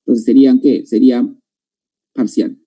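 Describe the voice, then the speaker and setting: A man's voice: medium pitch, fairly even intonation, normal speed, mellow, slightly rough, low-quality recording. A man teaching a grammar lesson to a class, explaining step by step and often checking that students follow.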